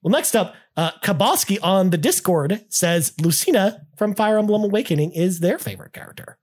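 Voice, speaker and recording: Guy cohosting a gaming podcast, reads listener comments, excited, trips over words a lot. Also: high voice, brisk. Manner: enthusiastic, many restarts and "I mean". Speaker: podcast co-host. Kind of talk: casual chat reading listener comments.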